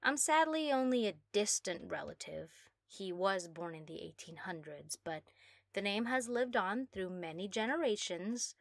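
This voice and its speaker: A woman voicing a proud, giddy young mad scientist obsessed with her work, theatrical and self-satisfied, in a soft ASMR role-play. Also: mid-range voice, animated, normal speed, vocal fry, no echo, studio quality. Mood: triumphant, proud.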